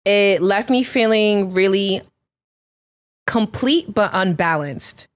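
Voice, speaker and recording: A woman's voice: medium pitch, takes it slowly. A woman guest on a podcast, talking casually and enthusiastically and laughing often. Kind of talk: casual chat.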